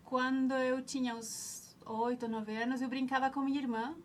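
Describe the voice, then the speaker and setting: High and level, the woman's voice keeps a normal pace against slight background noise. A native Spanish speaker from Ecuador in her forties, she works as a nutritionist and, as an alumna guest, thoughtfully recalls her story, often beginning again while searching for words.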